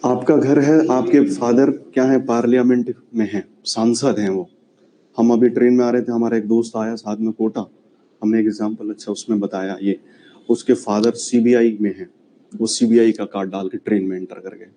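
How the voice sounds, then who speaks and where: A man's voice: medium pitch, fairly even intonation, normal speed, dark tone, a little hiss or hum, rough recording. A man lecturing a classroom on history, chatty and often checking whether students follow. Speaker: history teacher.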